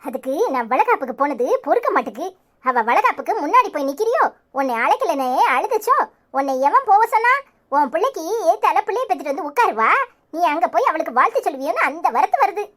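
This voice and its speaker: A woman's voice: very high-pitched, big pitch swings, quick pace, a bit bright, heavily acted. A woman voicing an upset young wife and new mother in a cartoon, complaining with a Tirunelveli Tamil accent. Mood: hurt. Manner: complaining, hurt, grumbling.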